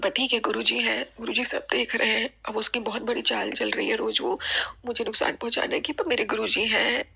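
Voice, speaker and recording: A woman's voice: a little high, flat delivery, brisk, creaky, sharp tone, slightly rough. A woman giving an emotional, tearful devotional testimony, earnestly addressing her listeners again and again. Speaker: devotional satsang speaker.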